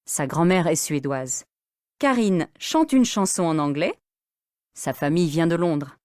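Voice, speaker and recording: A woman reads a beginner's story aloud in a clear, deliberate way. Her delivery is unhurried and her pitch moves expressively, with a lot of lift and fall. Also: animated, darkish tone, no echo, clean studio sound. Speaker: narrator. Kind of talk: slow scripted narration for language learners.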